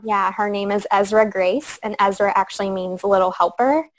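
A young woman guest on a podcast interview, speaking softly and reflectively with frequent pauses and fillers. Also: mid-range voice, steady tone, rough recording. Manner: soft, reflective, many fillers. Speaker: guest sharing her story. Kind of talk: conversational interview.

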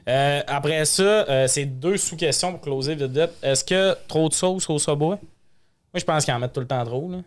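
A man with a Quebec French accent co-hosting a podcast, joking and animated in casual chat. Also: fairly high pitch, moderate pace. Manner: joking, animated, self-mocking. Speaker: podcast co-host.

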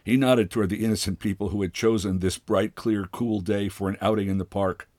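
A man with a low voice reads literary fiction aloud as host of a reading program. He tells the story in a measured, unhurried way. The recording is dry and close, with no room sound. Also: fairly even intonation, darkish tone, no room sound. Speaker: host reading short stories. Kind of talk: literary read-aloud narration.

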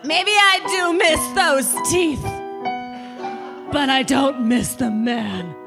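A woman's voice: high voice, takes it slowly, creaky, music in the background. A woman performing a melodramatic improv comedy scene, mock outraged and theatrical.

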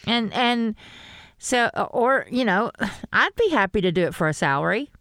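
A podcast co-host chats animatedly about a TV episode in a casual fan discussion, telling the story with rising exclamations. Her voice is a little high at a moderate pace, in dry, studio-quality sound.

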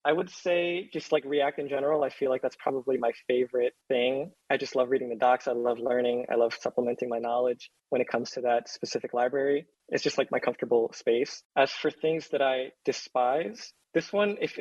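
A man guesting on a podcast as a software developer, rambling casually with lots of fillers. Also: mid-range voice, fairly even intonation, fairly quick, hardly any pauses, husky, no room sound, highs cut off.

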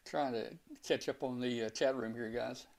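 Out of breath, a man appearing as a guest ham radio operator chats live, rambling through technical explanations and frequently starting over. His voice is medium-pitched, steady, creaky and a little mellow, at a moderate pace.

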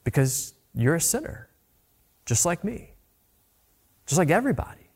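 A man's voice: fairly high pitch, darkish tone. A man preaching a sermon as a pastor, earnest and conversational, often restarting his phrases.

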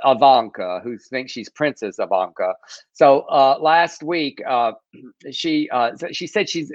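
A man's voice: medium pitch, no echo. A man co-hosting a casual chat show, campy and sassy, often stumbling over restarts. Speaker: podcast co-host. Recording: dull, dry lo-fi sound.

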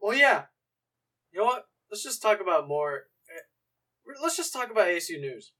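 A man's voice: high-pitched, big pitch swings, normal speed, bright, forceful tone. A young man co-hosting a casual podcast chat, playful, with exaggerated outbursts. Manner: playful, exaggerated outbursts, calls friend bro. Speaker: podcast co-host.

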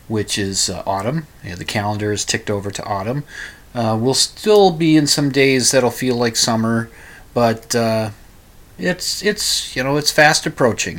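A male radio host talking casually at mid pitch. He rambles in a halting way, circling back to correct and qualify himself as he goes. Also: fairly bright tone. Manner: halting, meandering, self-correcting. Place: upstairs bedroom at home.

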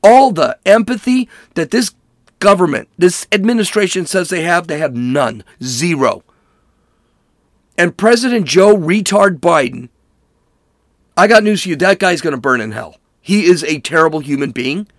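A man's voice: high-pitched, expressive, normal speed, no echo, clean studio sound. A man giving angry, emphatic political commentary, hammering points through repetition. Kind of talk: ranting commentary.

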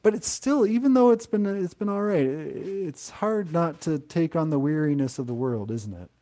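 A middle-aged man gives a sermon in a warm, relaxed tone that sits a little above the usual male pitch. He preaches conversationally, gently, and often restarts his phrases as he goes. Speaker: pastor. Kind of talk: sermon to an online congregation.

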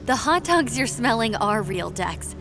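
A woman voicing a proud, caring mentor figure in an animated adventure. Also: a little high, a little slow, noisy background. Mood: gentle, informative. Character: proud, caring female cartoon mentor, Nova. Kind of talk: animated adventure cartoon acting.

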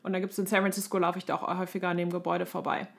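A woman's voice: on the low side, little pitch movement, rapid-fire, vocal fry. A woman in her thirties from Germany co-hosts a podcast, chatting colloquially in anecdotes and mixing in English terms. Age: 30s. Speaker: podcast co-host. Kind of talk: casual conversational podcast chat.

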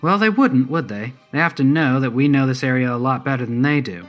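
A man's voice: medium pitch, brisk, fairly bright tone, faint music behind, voice pushed up, natural voice. A man voicing a tough, swearing woman sheriff who covers her fear with brash bravado. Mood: terse. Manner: brash, profane bravado over nerves.

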